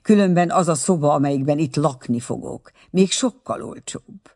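A man voicing a dignified older gentleman who is taken for a poor guest and speaks firmly and indignantly. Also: on the high side, natural voice. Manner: firm, indignant.

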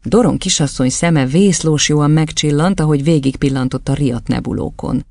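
A man narrating a children's story as an audiobook in a lively storytelling manner. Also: fairly high pitch, gravelly, no echo, clean studio sound.

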